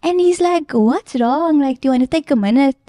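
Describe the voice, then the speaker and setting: Mellow-voiced woman telling a story. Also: high voice, brisk, dry recording, studio quality. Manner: earnest, animated retelling with filler ums. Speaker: podcast guest. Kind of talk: casual storytelling.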